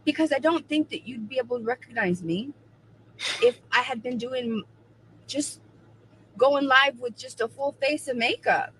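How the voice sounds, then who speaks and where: A woman's voice: high voice, normal speed, a bit bright, slight background noise, poor audio. A woman in her forties chatting casually on a livestream, emphatic and repeating her points for effect. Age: 40s. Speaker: co-host of a livestream.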